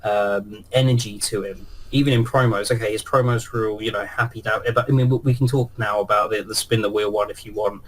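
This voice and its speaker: A man's voice: lowish voice, fairly even intonation, fairly quick, hardly any pauses, low-quality recording. Man chatting about wrestling, faint background noise. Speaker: podcast co-host. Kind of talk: casual wrestling podcast chat. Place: remote online call.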